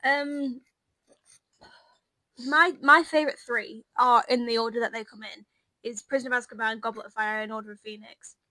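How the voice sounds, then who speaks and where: Bright-voiced young woman. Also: a little high, steady tone, moderate pace, dry recording. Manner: chatty, opinionated, many "like" fillers. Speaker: podcast co-host. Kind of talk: casual chat.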